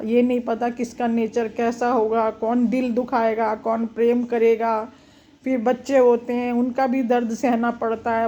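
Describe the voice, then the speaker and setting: A woman voicing a caring older mother who scolds her daughter fondly, in a brisk, reassuring, lecturing manner. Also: a little high, dark tone, natural voice. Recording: dull lo-fi recording.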